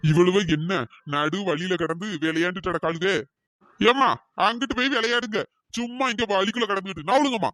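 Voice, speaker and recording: A woman's voice: medium pitch, fairly quick, fairly bright tone, no room sound, studio quality, pitched below the performer's own voice, lightly acted. Woman voicing a grumpy old village man. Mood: grumbling. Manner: gruff, shooing people away.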